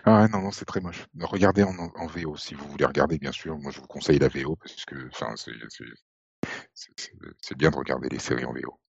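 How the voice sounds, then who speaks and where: A man's voice: extremely low pitch, quick pace, vocal fry, husky, dry recording. A man co-hosting a casual live stream, laid-back and blunt in his opinions. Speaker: podcast co-host. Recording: dull lo-fi mic.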